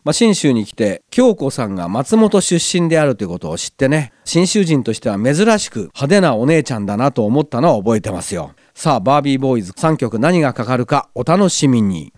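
A man's voice: medium pitch, very animated, a little fast, few pauses, a little mellow, no room sound. A man hosting a community radio show, chatting casually and reading listener letters aloud in a studio. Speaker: radio host. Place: glass-walled studio in a cinema. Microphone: studio mic.

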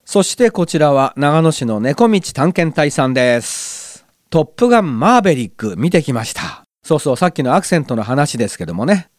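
A man's voice: mid-range voice, no echo, studio quality. A middle-aged man hosting a local radio show, chatting casually in a musing way, with wry asides. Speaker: radio host. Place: radio studio.

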